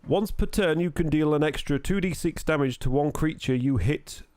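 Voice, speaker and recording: A man's voice: a little high, moderate pace, darkish tone, dry recording. Blunt, bantering game master, a man. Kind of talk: casual tabletop game narration and rules talk.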